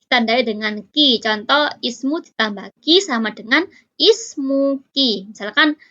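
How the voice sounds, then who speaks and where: Slow, bright-voiced woman teaching. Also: fairly high pitch, animated, muffled recording. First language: Indonesian. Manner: explains slowly, stretches example words, rising quiz-like questions. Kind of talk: casual teaching lesson.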